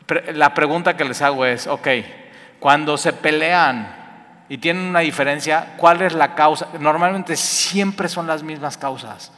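A man's voice: on the high side, unhurried, pushed and bright, long reverb tail. A man preaching a sermon in a conversational way, asking his listeners questions. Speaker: pastor.

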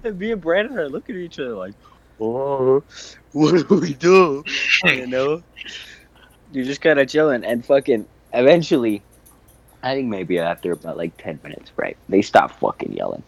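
A young man hosts a casual podcast and tells a story. His voice swings widely in pitch. He swears freely and laughs through the telling, with a mid-range voice. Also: a little fast, husky, no echo. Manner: animated, profane, laughing storyteller. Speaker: podcast host.

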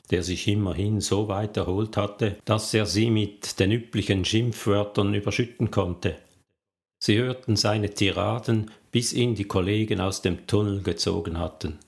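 A man narrating a crime novel in a steady, measured storytelling manner. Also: on the low side. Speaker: audiobook narrator.

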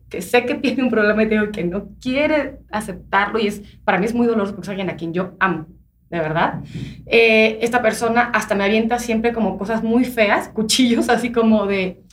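A woman's voice: a little high, normal speed. A woman with a Mexican accent, chatting and telling personal stories as a podcast host. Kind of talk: casual chat.

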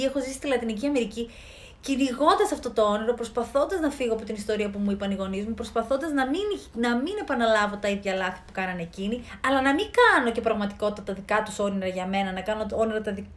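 A woman from Greece gives an earnest motivational talk as a life coach, with a slightly high voice. She presses her points by stacking repeated phrases one after another.

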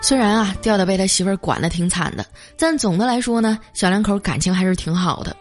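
A woman's voice: mid-range voice, expressive, fast talker, over music. A woman streamer telling comic stories in a chatty way, drawing out her sentence particles. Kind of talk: comic storytelling.

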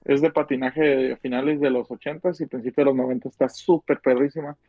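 Northern mexican dude on a podcast, slangy rambly chat, dry kinda lofi sound, bit of music under. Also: male voice, mid-range voice, fairly even intonation, brisk, no echo, narrow, tinny audio. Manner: rambling, repeats phrases. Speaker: podcast co-host. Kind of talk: casual slangy chat about films and music.

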